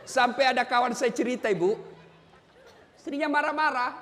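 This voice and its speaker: High, bright-voiced man preaching with humor. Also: moderate pace, in a large hall, a faint crowd, slight background noise. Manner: animated, joking, sometimes shouting. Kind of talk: humorous sermon.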